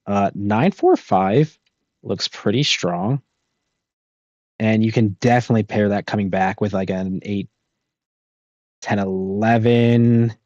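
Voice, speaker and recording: A man with a low voice calls the action of a board game match as host, breaking down options with an easy laugh. His voice sits close and dry on a slightly dull microphone. The delivery is relaxed and analytical. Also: slow, pauses often, no echo. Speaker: commentator and host. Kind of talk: live game commentary.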